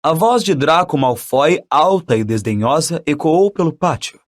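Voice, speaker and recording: A man narrating an audiobook in an expressive, dramatic reading style. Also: a little high, moderate pace.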